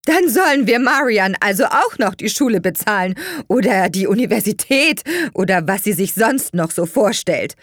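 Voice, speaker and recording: A woman's voice: medium pitch, animated, moderate pace, dry recording, studio quality, voice pushed up, close to an everyday voice. A woman voicing a haughty, mocking upper-class mother in an audiobook reading. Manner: mocking, smooth.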